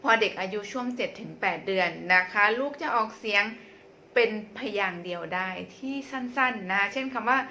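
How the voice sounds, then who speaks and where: A woman parenting coach explaining child language development to mothers, in a gentle, repetitive way with frequent polite particles. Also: medium pitch, moderate pace, slight background noise. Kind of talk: instructional talk to mothers.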